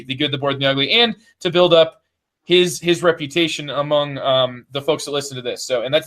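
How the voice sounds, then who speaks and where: A man hosting a podcast, chatting casually and enthusiastically, pitching a discount like an infomercial. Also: a bit bright. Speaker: podcast host.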